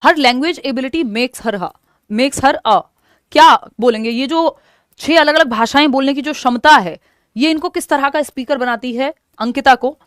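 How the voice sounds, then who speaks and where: A woman's voice: sits high, measured pace, fairly bright tone, clean tone, dry recording, clean studio sound. A woman teacher, explaining exam questions step by step and mixing English terms into her speech. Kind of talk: exam-prep lesson.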